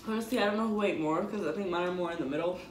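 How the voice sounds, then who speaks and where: A woman's voice: fairly low pitch, rapid-fire. A young woman vlogger joking and laughing through an eating challenge, sometimes talking with her mouth full. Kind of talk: casual chat during an eating challenge. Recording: echoey room, distant mic, faint noise.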